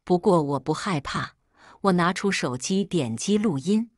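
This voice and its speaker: A woman narrating a first-person family drama story in a calm, cool telling. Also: fairly low pitch, a little slow, no echo, clean studio sound.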